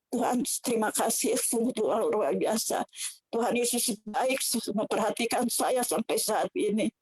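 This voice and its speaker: An older woman, telling a personal church testimony in an emotional, halting way with many restarts. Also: a little high, a little mellow, breathy edge, dry recording, low-quality recording. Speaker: church member giving testimony.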